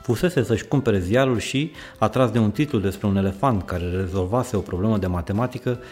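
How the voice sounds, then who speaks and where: A man reading a children's story aloud in a lively, expressive way. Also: fairly low pitch. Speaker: narrator. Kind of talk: storybook narration. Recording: faint background music.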